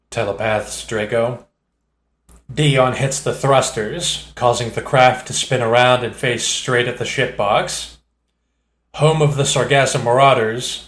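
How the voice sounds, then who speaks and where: A man reads audiobook narration in a steady, descriptive way. His voice sits at a middle pitch. The recording has a roomy echo around it. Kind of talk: scripted narration.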